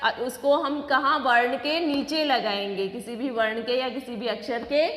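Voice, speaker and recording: Slow, patient woman teacher, echoey room. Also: fairly high pitch. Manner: slow, patient, repeats words for children to say along. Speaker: primary school teacher. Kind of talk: online Hindi lesson for young children. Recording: echoey room with long reverb.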